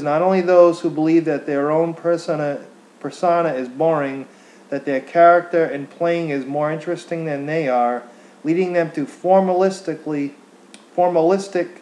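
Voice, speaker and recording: A man reading a prepared text aloud as a diction exercise, enunciating deliberately and carefully, with occasional stumbles. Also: fairly high pitch, darkish tone. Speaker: acting student reading aloud. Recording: echoey untreated room.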